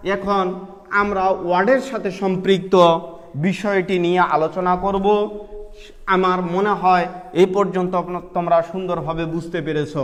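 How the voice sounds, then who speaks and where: A Bangladeshi male English teacher with a high voice, recorded in a room with long, hanging reverb. He teaches at a slow, deliberate pace. He spells words letter by letter and answers his own questions. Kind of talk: recorded online lesson.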